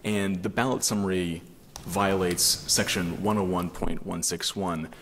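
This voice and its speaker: A man speaking as an attorney in formal oral argument, explaining points in a measured, careful way. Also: low voice, steady tone, fairly bright tone. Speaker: attorney arguing before a court. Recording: reverberant courtroom, faint noise.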